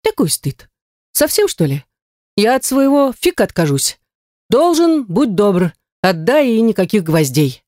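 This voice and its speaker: A woman's voice: mid-range voice, sing-song, a little slow, darkish tone, no echo, studio quality. A woman voicing a sassy young heroine who fires back with cheeky, indignant retorts. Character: sassy young heroine, quick-tongued and defiant.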